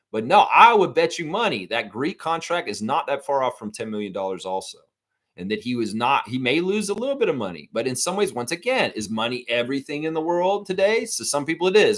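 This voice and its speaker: A man's voice: mid-range voice, a bit bright. A man hosting a live sports talk stream, ranting heatedly and swearing a lot while speaking straight to his viewers. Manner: profane, heated, repetitive ranting; addresses viewers directly.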